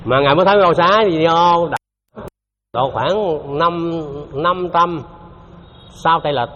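A man's voice: on the high side, slow, fairly bright tone. Guy teaching buddhism, chatty, keeps quizzing folks, muffled old recording w faint hiss. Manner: conversational, repeats himself, asks the audience questions. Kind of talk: dharma talk. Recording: dull lo-fi hall recording with faint noise.

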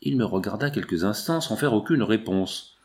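Low-voiced male audiobook narrator. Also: lively intonation, a little mellow. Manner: measured, dramatic reading. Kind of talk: reading a novel aloud.

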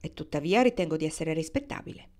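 A woman's voice: low-pitched, animated, fast, darkish tone. A blunt, impatient young woman snaps back in a lifted, curt voice, as a woman reading an audiobook puts her on. She speaks plainly and without diplomacy. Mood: sharp. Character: blunt tired young woman, quick-tempered.

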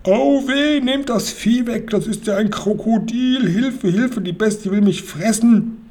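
Shrill robber, whining, pleading, storybook, voiced by a man. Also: unhurried, darkish tone. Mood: panicked. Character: blustering male robber, panicky and whining.

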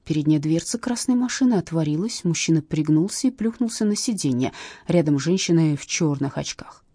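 Woman narrator, audiobook, lively pitch, mellow tone, dry close sound. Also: brisk, slightly rough, no echo. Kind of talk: scripted narration.

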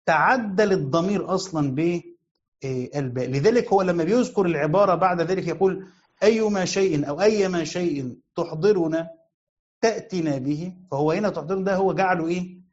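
A man's voice: fairly high pitch, fast, lo-fi sound. A man with an Egyptian Arabic accent giving a lecture on Quran commentary. He asks questions and then answers them himself, and he repeats the key phrases. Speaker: sheikh teaching Quran commentary. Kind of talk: explanatory lecture.

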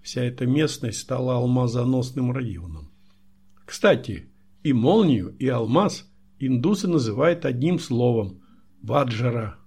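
A man's voice: mid-range voice, expressive, unhurried, darkish tone, slightly rough. A man reading a wry, short-tempered male laboratory chief in an audiobook.

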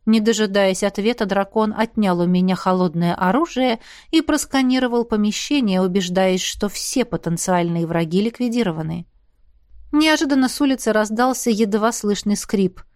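A woman narrating a first-person fantasy audiobook with a lively, expressive reading. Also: medium pitch, normal speed, dry recording, clean studio sound.

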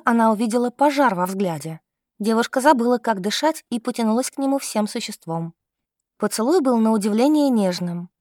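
A woman reading a romance novel aloud, telling the story in an even, gentle manner. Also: fairly high pitch, dry recording, studio quality. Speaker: audiobook narrator. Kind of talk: scripted romance narration.

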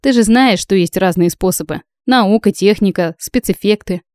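A woman reading an audiobook, voicing a brash, teasing young female friend who talks loud and breezy. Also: medium pitch, normal speed, no room sound, studio quality, lightly acted.

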